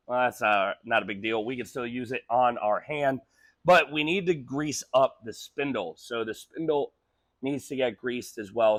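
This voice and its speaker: A man with a medium, slightly bright voice hosts a truck restoration channel, recorded with no echo. In this casual how-to workshop vlog he talks with ums and small laughs as postnasal drip makes him lose his voice.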